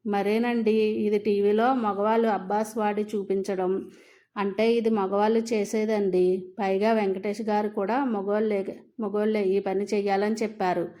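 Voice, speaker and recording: A woman voicing an innocent, playful young wife who speaks sweetly and politely, in a flat, even tone. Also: medium pitch, normal speed, close to an everyday voice.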